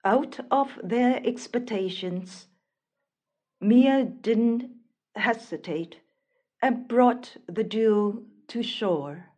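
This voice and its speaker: Slow, measured woman storyteller. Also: fairly high pitch. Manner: measured, expressive reading. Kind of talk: scripted storybook narration.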